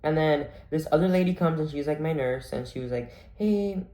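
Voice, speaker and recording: A man's voice: fairly high pitch, fairly quick, dark tone. Chatty young man in an echoey room. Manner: chatty, full of "like", acts out quoted voices. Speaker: vlogger. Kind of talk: casual storytelling.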